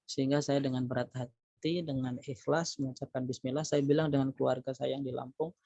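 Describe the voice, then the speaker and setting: A man's voice: medium pitch, steady tone, fairly quick, gravelly, warm tone, no echo. A middle-aged man, a lecturer, giving a religious motivational talk to students over a video call, emphatic and preachy, with many rhetorical questions. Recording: dull lo-fi video call audio, dry.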